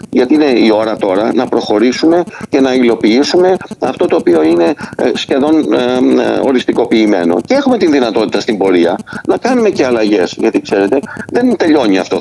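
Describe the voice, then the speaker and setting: An older man in his sixties talks as a mayor in an office interview, gravelly and middle-pitched, defending his plans insistently and restarting his sentences often. He speaks into desk microphones with a faint hiss of noise behind him. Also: very animated. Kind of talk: radio interview. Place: wood-panelled office at a desk.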